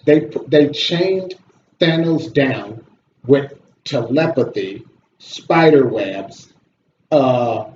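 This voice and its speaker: Very slowly, with lively intonation and a darkish, medium-pitched tone, a man hosts a video movie review that's casual and opinionated, blunt, complaining and peppered with swearing. Slight noise, dull audio and a roomy echo mark the recording.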